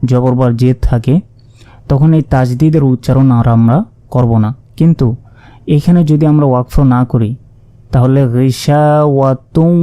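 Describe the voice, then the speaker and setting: A man teaching Quran reading, spelling out Arabic syllables patiently and chanting each word slowly. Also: mid-range voice, warm tone, no echo. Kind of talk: spelling out Arabic letter by letter, slow recitation lesson.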